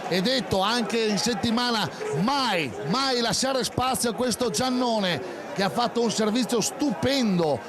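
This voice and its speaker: A man giving excited, breathless live football commentary as the play-by-play commentator. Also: extremely high pitch, measured pace. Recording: loud stadium crowd behind. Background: outdoor stadium crowd.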